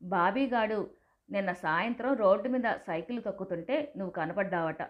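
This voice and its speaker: A woman voicing an angry grown son who shouts harsh, scornful accusations. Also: medium pitch, normal speed, lo-fi sound, lightly acted. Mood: furious, scornful.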